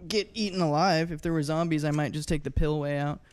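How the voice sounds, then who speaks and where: A man's voice: on the high side, fairly even intonation, fast talker. A male guest chatting casually in a laid-back, matter-of-fact, sometimes sweary way. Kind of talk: casual chat. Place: studio.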